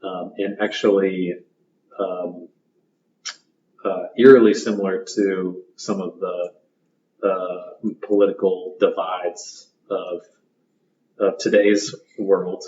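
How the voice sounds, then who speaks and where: A man in his thirties chatting as a podcast guest, halting with many ums and restarts. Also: deep voice, flat delivery, darkish tone, slight background noise. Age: 30s. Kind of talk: casual podcast chat. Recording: roomy, muffled podcast audio.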